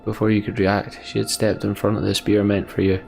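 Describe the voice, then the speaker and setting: Hosting a let's play, a man reads the story text aloud dramatically and throws in sweary, emotional asides. His voice is low, level, brisk and a little mellow with vocal fry, and faint music sits behind it.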